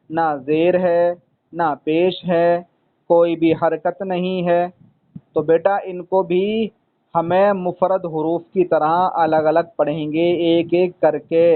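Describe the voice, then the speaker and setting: A man's voice: sits high, narrow, tinny audio. A man teaching a student to read Arabic letters, patient and repetitive, often calling the student son. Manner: patient, repeats points, calls the student son. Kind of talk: one-on-one lesson.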